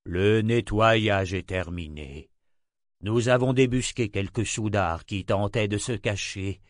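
A man reading an audiobook, voicing an old prophet who speaks slowly and calmly. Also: lowish voice, dry recording, clean studio sound. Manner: slow, measured. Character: old male prophet, calm and measured.

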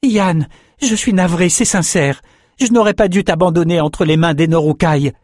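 A man voicing a gentle young male swordsman, earnest and pleading, in a storybook reading. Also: a little high, normal speed, no room sound, studio quality, pitched above the performer's own voice, close to an everyday voice.

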